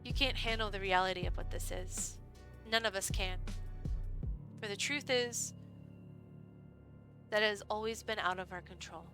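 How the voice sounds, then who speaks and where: A woman's voice: mid-range voice, normal speed, long pauses, over music. A woman streamer reading a visual novel aloud with chatty, laughing asides, her throat drying out. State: voice going hoarse, throat dry.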